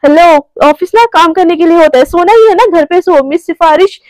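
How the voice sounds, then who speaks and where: A woman's voice: very high-pitched, moderate pace, darkish tone, no room sound, poor audio. Woman doing a curt, bossy senior office woman. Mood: scolding. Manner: curt, scolding.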